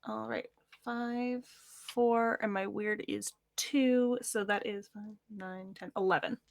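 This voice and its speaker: A woman's voice: mid-range voice, animated, slow pace, no room sound, studio quality. A woman playing in a tabletop game, thinking aloud and laying out her plan step by step. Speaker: player. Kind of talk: tabletop role-play chat.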